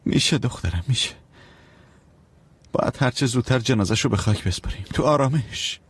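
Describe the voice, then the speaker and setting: An actor playing a widowed father who speaks calmly and firmly to his children, in a dubbed TV drama. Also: medium pitch, slight background noise, natural voice. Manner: calm, firm, gentle to his children. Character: grieving widowed father, calm and firm.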